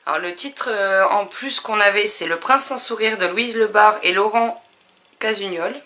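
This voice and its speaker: A woman casually listing her new books, chatty and relaxed, with frequent fillers. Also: mid-range voice, normal speed. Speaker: book vlogger. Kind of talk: casual book haul chat.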